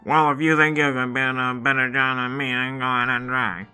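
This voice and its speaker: A man's voice: mid-range voice, level tone, fairly quick, sharp tone, clean tone, soft background music. A man voicing a bossy old female pterodactyl announcer in a children's story, with a curt, dismissive manner. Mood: brisk, dismissive.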